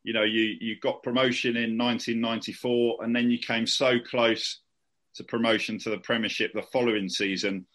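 A man's voice: medium pitch, level tone, normal speed, a bit bright. A man hosting a podcast interview in a chatty, casual way. He strings out long, rambling questions with many restarts and fillers. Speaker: podcast host.

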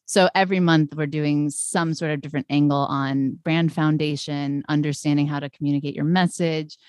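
Low-voiced woman with a Boston accent. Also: fairly even intonation, normal speed, a little mellow, dry recording, studio quality. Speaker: guest consultant. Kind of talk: casual podcast conversation.

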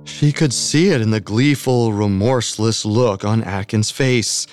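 A man narrating a true crime podcast in a measured, dramatic scripted style. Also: on the low side, darkish tone, faint music behind.

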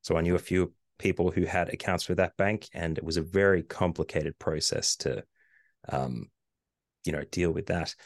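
A man's voice: deep voice, normal speed, no room sound, clean studio sound. A middle-aged Australian man, a podcast guest, chatting casually with hesitant fillers. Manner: relaxed, rambling with fillers and hesitations. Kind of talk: casual conversation.

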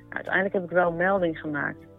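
A woman recounts something that happened to her, in a halting, conversational testimony full of pauses and restarts. Her voice comes through a narrow, phone-like channel, with faint music underneath. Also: on the low side, steady tone, vocal fry. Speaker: storyteller recounting a personal experience.

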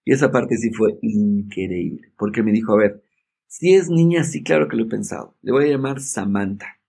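A middle-aged man, a podcast guest telling a story in a lively way and acting out the voices in it. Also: on the low side, moderate pace, gravelly, breathy edge. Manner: animated storyteller, acts out quoted dialogue. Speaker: podcast guest, entrepreneur and speaker. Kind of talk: casual storytelling chat.

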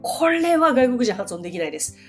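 A woman's voice: fairly high pitch, very animated, fast talker, breathy edge, soft background music. A woman hosting a casual podcast about English expressions, chatty with frequent laughs and fillers.

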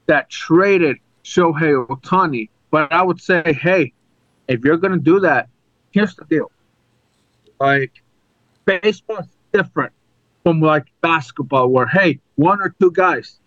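A man co-hosting a podcast, chatting casually about sports, halting and restarting his sentences often. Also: a little high, a bit bright, no echo, lo-fi sound. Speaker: podcast co-host.

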